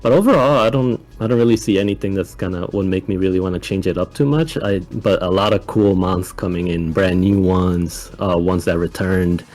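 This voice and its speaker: A young man from Ecuador, now living in the United States, talking calmly and casually as a guest in an interview. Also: low voice, fairly quick, hardly any pauses. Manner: calm, laid-back, soft-spoken with frequent laughs. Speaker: guest coach.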